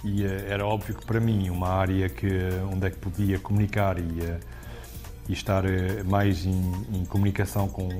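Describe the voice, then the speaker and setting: A man with a low voice speaks in a halting, searching way, repeating words as he talks. Faint music sits behind him. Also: little pitch movement, a little mellow. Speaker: entrepreneur interviewee.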